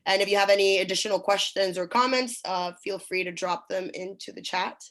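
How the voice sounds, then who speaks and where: A woman's voice: medium pitch, fairly even intonation, fairly quick, fairly bright tone. A woman opening an online panel with brief, businesslike announcements. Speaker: event host. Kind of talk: event introduction.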